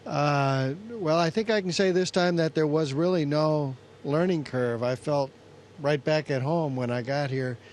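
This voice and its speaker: A man giving halting, measured, conversational interview answers as a veteran astronaut aboard a space station. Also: fairly high pitch, darkish tone. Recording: noisy space station downlink.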